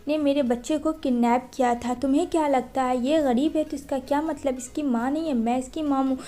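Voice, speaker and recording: A woman's voice: high voice, steady tone, brisk, mellow, natural voice. A woman doing a scheming celebrity mother. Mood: accusing.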